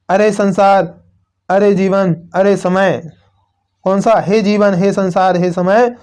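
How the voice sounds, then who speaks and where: Man teacher, North Indian Hindi accent, high voice, unhurried pace, repeats each point and answers his own questions. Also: a little mellow. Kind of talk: line-by-line poem explanation.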